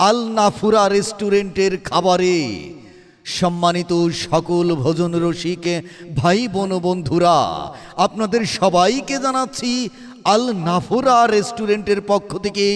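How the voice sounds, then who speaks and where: A man gives an upbeat, inviting promotional announcement over a loudspeaker. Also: fairly even intonation, unhurried, long reverb tail. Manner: upbeat inviting sales pitch. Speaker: advertisement announcer.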